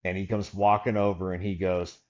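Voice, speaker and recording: A man's voice: sits low, fairly quick, muffled recording. A man guest on a podcast, telling a long story casually and acting out the voices of the people in it. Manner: animated storyteller, acts out quoted voices.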